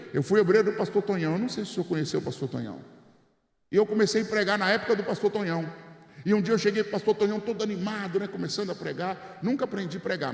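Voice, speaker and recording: A man preaching a humorous sermon as a guest pastor, telling animated stories and mimicking church members. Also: high voice, vocal fry. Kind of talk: humorous sermon with acted anecdotes. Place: church sanctuary. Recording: echoey church hall, long reverb.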